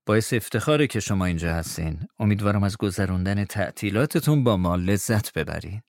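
A man voicing a big, kindly seaside man who greets a guest in a gentle, polite, welcoming way. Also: lowish voice, lively intonation, no echo, studio quality.

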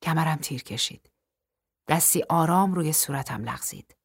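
A woman narrating a first-person novel in a measured, even storytelling manner. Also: deep voice, breathy edge, no room sound, studio quality. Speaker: audiobook narrator.

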